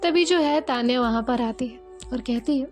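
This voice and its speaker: A woman narrates a romance story in a loose, chatty way, leaning on the same fillers again and again. Her voice sits a bit high, with soft music running behind her. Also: moderate pace.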